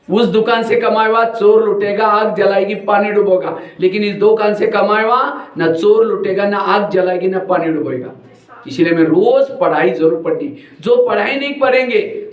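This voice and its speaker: High-voiced man preaching in an echoey hall. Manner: plain storytelling, asks the audience questions. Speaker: spiritual teacher. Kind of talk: spiritual discourse to a village congregation.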